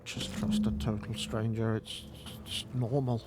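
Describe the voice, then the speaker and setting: A man's voice: on the low side, little pitch movement, a little slow. A man streaming a video game, talking in a goofy, playful way and tripping over words. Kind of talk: casual gameplay commentary.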